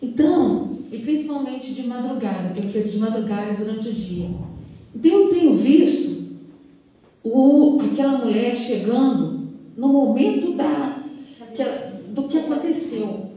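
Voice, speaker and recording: A woman's voice: a little high, animated, warm tone. A middle-aged woman with a Minas Gerais accent, a police chief speaking earnestly on a panel and often stopping to restart her sentences. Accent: Minas Gerais Portuguese. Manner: earnest, halting, with many restarts. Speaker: police chief at a women's police station. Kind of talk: panel talk, recounting a case. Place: event hall. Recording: very echoey hall, mic far off.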